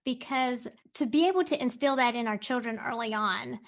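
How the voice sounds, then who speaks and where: High-voiced upbeat woman podcast host. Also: moderate pace. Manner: enthusiastic, affirming.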